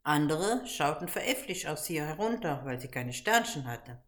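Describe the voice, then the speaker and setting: A woman reading a children's storybook aloud at a calm, even pace. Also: low-pitched, moderate pace.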